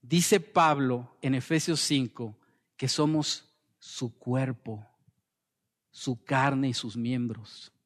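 Impassioned preacher in a reverberant hall. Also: male voice, medium pitch, steady tone. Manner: impassioned preaching, dropping to soft slow quotes. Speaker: pastor. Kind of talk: sermon.

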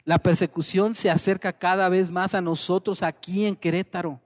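A man's voice: high voice, fairly even intonation, moderate pace. A man preaching a sermon as pastor, earnest and repeating phrases for emphasis.

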